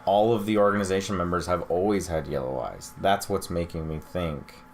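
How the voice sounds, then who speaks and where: A man's voice: deep voice, a little fast. A young man chatting casually as he reviews a video game trailer. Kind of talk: casual chat. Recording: steady background room noise.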